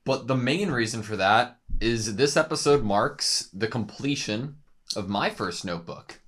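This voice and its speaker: A man's voice: mid-range voice, lively intonation, a little slow, a bit bright. A man co-hosting a casual anime reaction chat, joking and rambling as he thinks aloud.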